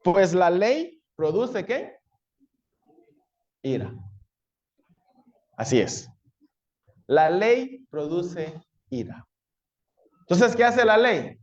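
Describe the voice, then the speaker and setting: A man preaching a sermon as pastor, often checking in with his congregation and acting out the law shouting accusations. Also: sits high, very animated, drawn-out words, pauses often, lo-fi sound. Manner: asks the congregation frequent "¿sí?" and "¿verdad?".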